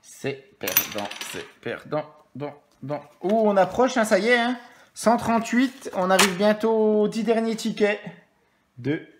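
A man's voice: sits high, a little slow, noisy background. Playful man calling out scratch-card numbers. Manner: playful and jokey, counts numbers aloud, chats with viewers. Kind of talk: casual live commentary.

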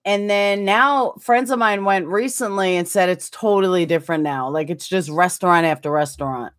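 A woman's voice: lowish voice, moderate pace. A woman in her forties hosting a casual livestream, chatting and reading viewer comments aloud in a self-mocking way, laughing often, recorded on a desktop webcam in a small room. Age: 40s. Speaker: livestream host. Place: small indoor room with curtains behind.

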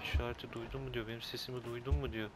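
A man's voice: mid-range voice, level tone, racing, very noisy. A young man commentating a horror game, nervous and exclaiming, talking back to the game. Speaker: gameplay commentator. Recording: loud game music behind. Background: loud game music.

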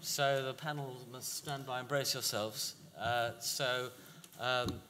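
A man chairing a panel Q&A in a large hall, relaxed and filler-heavy. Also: medium pitch, takes it slowly. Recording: hall reverb, faint noise.

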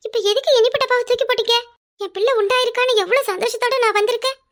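A woman's voice: very high-pitched, fairly even intonation, rapid-fire, fairly bright tone. A woman voicing a pleading, tearful middle-aged mother of a bride, speaking with a Kanyakumari Tamil accent. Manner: emotional, pleading, often on the edge of tears. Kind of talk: cartoon voice acting.

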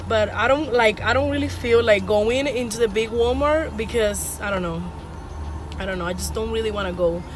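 Speaking at a normal pace in a fairly high voice, the family vlogger, a mother of three in her thirties, chats loosely with many fillers into her arm's-length phone camera. The background is noisy as she moves from her home kitchen to a parked car.

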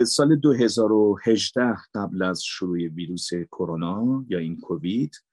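A man's voice: low-pitched, lively intonation, a little mellow, dry recording. A man with a Mashhadi Persian accent, a voice actor, answering interview questions earnestly and emphatically. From Mashhad, Iran. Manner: earnest, emphatic, repeats for stress. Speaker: voice actor and dubber.

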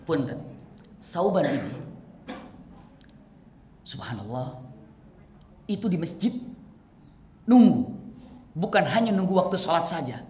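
A man preaching a sermon, telling a story with soft asides and loud emotional peaks. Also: on the high side. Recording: echoey hall, faint noise.

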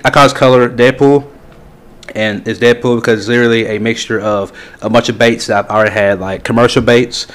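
A man casually showing his homemade fishing lures at a workbench, talking in a rambling way with lots of ums and restarts. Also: mid-range voice. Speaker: fishing lure maker showing his baits. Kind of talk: casual how-to vlog. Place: workbench in a workshop.

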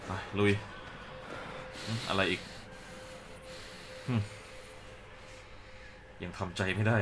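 A man doing let's play commentary, dubbing the characters live while swearing and joking excitably. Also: on the low side, extremely slow, background noise. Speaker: game commentator. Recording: game sounds behind.

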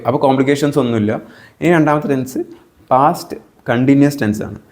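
A man's voice: medium pitch, a little mellow. Patient Malayali grammar teacher, man. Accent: Malayali English. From Kerala. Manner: patient, repeats each example slowly and steadily. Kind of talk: explaining tenses in Malayalam with English examples.

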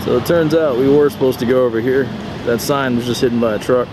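A man's voice: mid-range voice, steady tone, quick pace. A man casually narrating a road trip from inside a car, cracking dry jokes as he goes. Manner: laid-back, joking narration while driving. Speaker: vlogger. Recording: loud road and car noise.

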